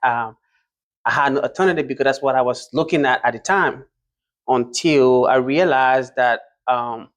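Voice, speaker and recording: A man's voice: medium pitch, normal speed, fairly bright tone. A man from Liberia answering interview questions as a truck driving school graduate, hesitant, with many fillers and restarts.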